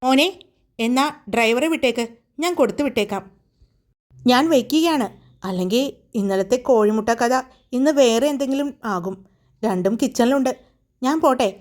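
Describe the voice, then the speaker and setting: A woman's voice: on the high side, normal speed, long pauses, a little mellow, lightly acted. A woman voicing a caring middle-aged mother who teases her daughter playfully in a storybook tale. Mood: fond. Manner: fond, scolding playfully.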